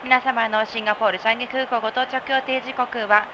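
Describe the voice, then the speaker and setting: A woman flight attendant reads a formal announcement at a very rapid pace. Her voice is fairly high and polite. It comes through a muffled cabin speaker with clear aircraft noise behind it. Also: fairly even intonation.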